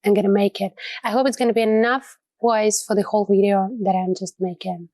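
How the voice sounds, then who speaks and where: Woman host, sick and hoarse, lowered voice, casual rambling trade commentary, dry close sound. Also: fairly even intonation, brisk, dark tone, no echo. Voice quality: lower than her usual voice. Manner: chatty and rambling, with light laughs. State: hoarse from illness. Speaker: trading channel host. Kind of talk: casual trading commentary over a screen recording.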